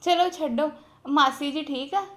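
A woman's voice: high-pitched, a little slow, fairly bright tone. A woman playing a married younger sister who speaks politely and soothingly over the phone. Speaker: sister-in-law character.

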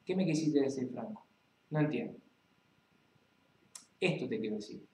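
A man's voice: medium pitch, expressive, normal speed, darkish tone. Rioplatense man preaching in an echoey room. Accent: Rioplatense Spanish. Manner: reads scripture then preaches directly to the listener. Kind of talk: Bible reading and preaching.

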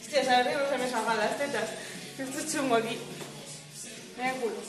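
A young-sounding woman with a high voice and a Spain Spanish accent, chatting casually on a livestream from a hammock at home. She reads viewer comments aloud and laughs often. Her phone picks her up in an echoey room with faint music behind. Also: fairly even intonation, brisk. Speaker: livestream host. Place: at home lying in a swaying hammock.

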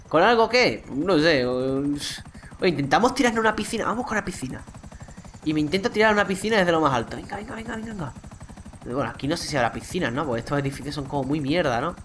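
A young man with a Spain Spanish accent giving chatty, excitable let's play commentary to his viewers, swearing casually as he plays. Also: on the high side, slight background noise. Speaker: gaming YouTuber.

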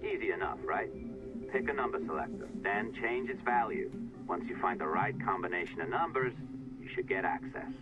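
Man voicing a secretive hacker, sly, smooth, very deep voice, dull lo-fi sound. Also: animated, moderate pace, loud music behind the voice, natural voice. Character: secretive male IT hacker over the communicator.

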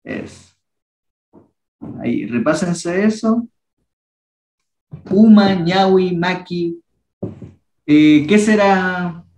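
Unhurried young male language teacher, echoey. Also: high-pitched, expressive, a little mellow. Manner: patient, repeats each word slowly for pronunciation. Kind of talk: teaching a class.

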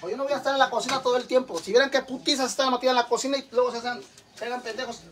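A man's voice: extremely high pitch, fairly even intonation, very fast, a bit bright, a little hiss or hum. A middle-aged man with a Mexican accent ranting casually to his viewers in an exasperated, profane way. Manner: exasperated, swears a lot. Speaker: vlogger. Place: home kitchen.

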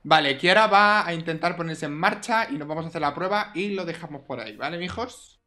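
A man commentating a life-simulation game, expressive and exclaiming, often scolding the characters. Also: a little high, fairly quick. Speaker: gaming YouTuber. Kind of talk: Sims let's play commentary.

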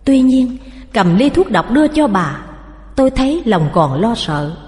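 A woman's voice: a little high, expressive, unhurried, darkish tone. A woman reading the lines of an anxious, grieving male doctor in a choked, pleading way. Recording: reverberant room.

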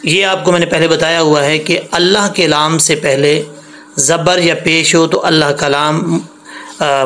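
A man's voice: on the high side, a bit bright, a little hiss or hum. A man teaching an online recitation lesson, explaining patiently and repeating points, stretching out syllables to demonstrate pronunciation.

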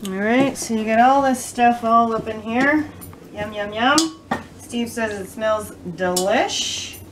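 Slow, chatty woman cooking in her kitchen. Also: on the high side, noisy background. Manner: chatty, walks through each step aloud. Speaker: cooking show host. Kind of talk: casual cooking demonstration. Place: home kitchen, indoors. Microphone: camera a few feet away. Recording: distant camera mic with kitchen clatter.

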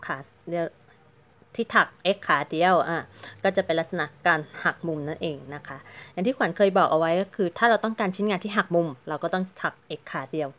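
A woman's voice: on the low side, brisk, fairly bright tone. A woman giving a casual, chatty crochet tutorial, counting stitches aloud and explaining each step politely. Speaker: crochet teacher.

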